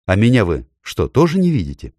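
Male reader plays an earnest, kind young girl; pitched up, pleading. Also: huge pitch swings, fairly quick, dark tone, dry recording, clean studio sound. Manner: pleading, raised tone.

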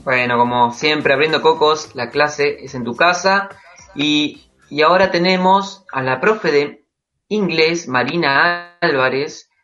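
Male radio host, bright forceful voice, relaxed intros, dull lo-fi sound with guitar music behind. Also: medium pitch.

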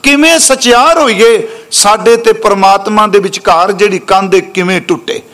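A man preaching a scriptural exposition sermon, slowly intoning quoted verses and then explaining them in quick, conversational speech, correcting his listeners' pronunciation. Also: sits high, a bit bright. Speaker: Sikh preacher.

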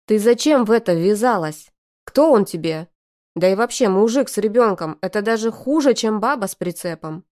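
A woman's voice: medium pitch, animated, normal speed, a little mellow, lightly acted. A woman voicing a blunt, meddling young brother who scolds his sister, read in an audiobook. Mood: scolding.

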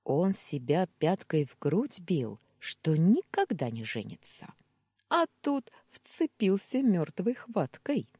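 A woman reading as a gossipy, husky-voiced young friend. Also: lowish voice, very animated, unhurried, warm tone, dry recording, pitched above the performer's own voice, full character voice. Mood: confiding. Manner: conspiratorial, often whispering. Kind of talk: audiobook character voice.

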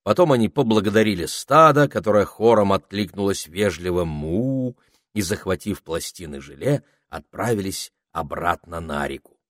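A man narrating a children's fantasy audiobook in an expressive storytelling manner. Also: low voice, moderate pace, no echo, studio quality.

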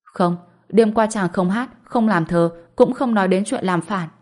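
A woman's voice: medium pitch, unhurried, a little mellow, natural voice. A woman voicing a playful, teasing young wife in an audiobook. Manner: teasing, mischievous. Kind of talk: audiobook character voice.

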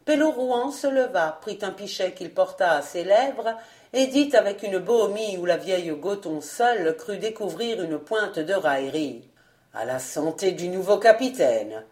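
A woman reading a classic French novel aloud as an audiobook, narrating in a measured tone. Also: mid-range voice, animated, a little mellow. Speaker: audiobook reader. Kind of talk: literary narration.

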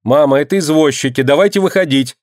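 A man's voice: medium pitch, normal speed, darkish tone, no room sound, studio quality, natural voice. A man voicing a prim, fussy teenage girl who scolds. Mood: eager.

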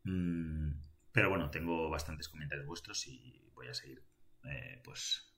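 A man delivers a calm personal reflection, pausing often and circling back to his words. His voice sits very low but comes across bright and forceful. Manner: thoughtful, halting, with many fillers. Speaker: vlogger giving reflections. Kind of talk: casual spoken reflection.

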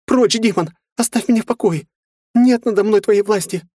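A man's voice: moderate pace, warm tone, dry recording, studio quality. A man voicing a terrified young woman who shrieks at the demon she fears. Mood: shrieking panic. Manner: shrill panicked shrieking.

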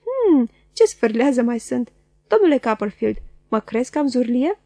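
A woman's voice: on the high side, very animated, mellow, dry recording, clean studio sound. Woman doing a sly, gossipy little dwarf lady. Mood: teasing. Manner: quick, teasing, knowing. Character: sly chattering female dwarf, middle-aged, gossipy.

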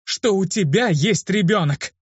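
Brief: a man doing a fiery young woman healer, raised and sharp, in a dull lo-fi recording. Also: a little high, animated, fairly quick, no room sound, pitched above the performer's own voice, lightly acted. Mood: furious. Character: young woman healer, hot-tempered, accusing.

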